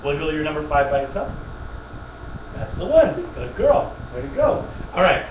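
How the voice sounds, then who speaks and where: A man with a fairly high, very animated voice gives a child a one-on-one piano lesson at a moderate pace, patiently repeating points and praising often. A distant, dull webcam mic picks him up in an echoey room, with music and background noise present.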